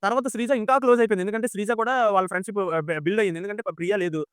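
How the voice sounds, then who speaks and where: A man's voice: sits high, steady tone, racing, clear, resonant tone, no echo, studio quality. A man giving casual commentary on a reality show, firing rhetorical questions at his viewers. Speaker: YouTube commentator.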